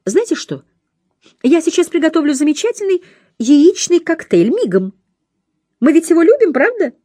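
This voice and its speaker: A woman's voice: extremely high pitch, big pitch swings, moderate pace, warm tone, no room sound, clean studio sound, voice pushed up. A woman voicing a fussy, chattering elderly female companion who coos and talks down to her charge, in an audiobook reading. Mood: cooing. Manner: cooing, patronizing, clucking.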